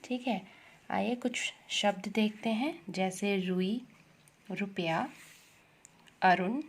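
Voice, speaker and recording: A woman teaching Hindi grammar to young children, slowly repeating words and asking questions to the class. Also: medium pitch. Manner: slow, repeats words and asks questions to the pupils.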